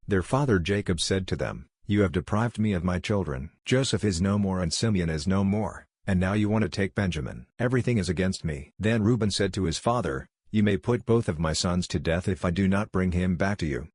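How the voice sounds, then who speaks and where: Deep-voiced man reading scripture. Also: dry recording, clean studio sound. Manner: steady, measured reading, quotes read with little change of voice. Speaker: Bible reader.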